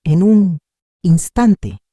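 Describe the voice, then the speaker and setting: A woman tells a scripted first-person story in a slow, emotive way. Her voice is mellow and dark, and her pitch rises and falls a lot. The recording is dry, with no room sound. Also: sing-song, no room sound. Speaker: narrator.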